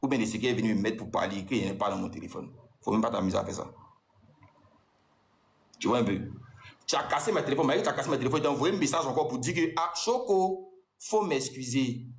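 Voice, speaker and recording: A man's voice: mid-range voice, animated, fast talker, roomy sound. A man with an Ivorian French accent gives a heated, accusing account aimed at his ex, often repeating himself. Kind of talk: heated personal account addressed to an ex.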